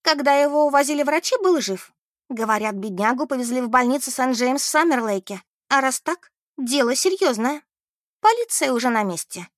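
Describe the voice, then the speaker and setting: A woman's voice: sits high, animated, moderate pace, dry recording, studio quality, pitched above the performer's own voice. A woman voicing a small, plump, dramatic woman of thirty-eight who tells news breathlessly. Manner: breathless, theatrical.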